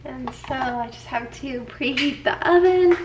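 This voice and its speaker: A woman's voice: sits high, a little slow, muffled recording, very noisy. A young woman chatting casually to viewers, explaining each step of her routine at home. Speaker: vlogger. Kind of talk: casual vlog walkthrough. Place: at home, narrow laundry room and kitchen. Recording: echoey room.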